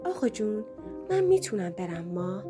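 A woman's voice: mid-range voice, big pitch swings, music in the background, close to an everyday voice. A woman voicing a curious, playful little girl who pleads and whines. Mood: eager. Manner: whiny and pleading.

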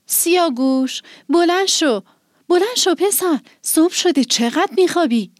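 A woman doing a bright little village girl. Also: fairly high pitch, expressive, no room sound, clean studio sound, close to an everyday voice. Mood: cheerful. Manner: bright, eager, coaxing. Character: cheerful ten-year-old village girl.

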